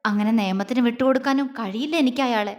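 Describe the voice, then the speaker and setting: A woman voicing a tender, protective young man who speaks gently and slowly, in a reverberant recording. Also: highs cut off, natural voice. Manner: gentle, low and slow. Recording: long reverb.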